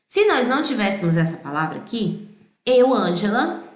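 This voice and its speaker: A Brazilian woman with a Brazilian Portuguese accent teaching Italian pronunciation, singing song lines slowly and explaining in quick bursts. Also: mid-range voice, sing-song, reverberant. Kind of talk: pronunciation lesson.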